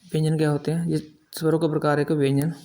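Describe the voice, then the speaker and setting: A middle-aged man teaching a grammar lesson, explaining slowly and drawing out example sounds one by one. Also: on the high side, flat delivery, darkish tone. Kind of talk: classroom-style grammar lesson.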